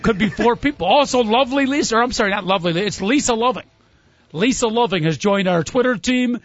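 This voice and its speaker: A man's voice: sits high, animated, quick pace, muffled recording. A man hosting a sports talk show with wry, joking banter.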